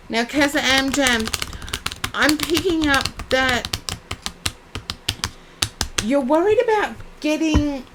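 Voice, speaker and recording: A woman's voice: high voice, a bit bright, slight background noise, poor audio. A woman giving psychic readings on a live stream, chatting and addressing viewers by name. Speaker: psychic reader.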